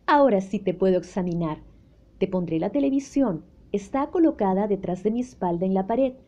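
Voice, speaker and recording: A woman's voice: mid-range voice, animated, brisk, darkish tone, muffled recording, natural voice. A woman voicing an older, patient male children's dentist in a storybook, speaking kindly and instructively.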